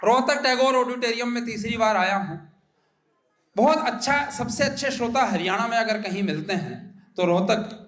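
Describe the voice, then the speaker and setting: Haryanvi man doing stand-up comedy, echoey auditorium, high voice, sharp punchlines. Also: moderate pace. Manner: punchy, shouts punchlines, keeps addressing the audience. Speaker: comedy poet. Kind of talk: stand-up comedy for a live audience. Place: auditorium stage. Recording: echoey hall.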